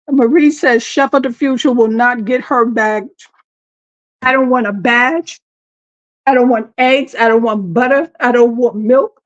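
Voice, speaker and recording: Woman, home cooking vlogger, slow, dramatic grumbling, dull lo-fi sound. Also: high-pitched. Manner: exasperated, dramatic complaining. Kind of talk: casual kitchen chat to viewers. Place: home kitchen. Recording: dull lo-fi audio.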